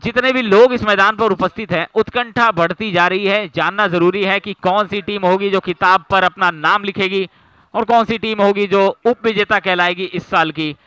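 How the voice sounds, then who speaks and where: Guy doing excited cricket commentary, high clear voice, dramatic, really dry close mic sound. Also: moderate pace, dry recording, rough recording. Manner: dramatic, builds suspense.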